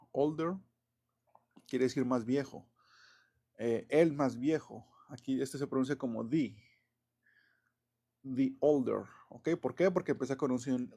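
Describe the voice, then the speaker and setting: A man's voice: medium pitch, mellow. Chatty male English teacher. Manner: loose and chatty, many fillers and self-corrections, chuckles often. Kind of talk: casual classroom explanation.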